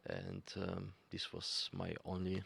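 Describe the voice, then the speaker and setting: Deep, gravelly-voiced male pianist. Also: big pitch swings, slow, fairly bright tone. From Bulgaria. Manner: searching for words, many fillers. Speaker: guest pianist. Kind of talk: conversational interview.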